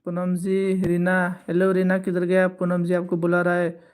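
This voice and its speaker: A man's voice: high voice, monotone, moderate pace, clear, resonant tone. A man with a Bodo accent, a native Bodo speaker, chatting casually on a livestream and teasingly greeting viewers by name. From Northeast India. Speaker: live streamer.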